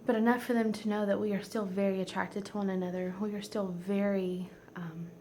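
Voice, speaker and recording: A woman in her forties, a home vlogger chatting casually, rambling and heartfelt and teary, often dropping to a soft near-whisper. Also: mid-range voice, flat delivery, brisk, a little hiss or hum. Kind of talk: casual chat.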